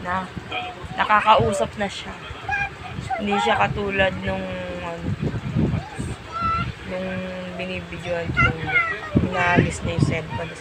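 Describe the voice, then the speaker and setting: Filipino mom vlogging over loud background noise. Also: female voice, medium pitch, expressive, slow, pauses often. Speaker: vlogger and mother. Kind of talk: casual personal vlog. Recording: noisy phone video with loud ambient noise.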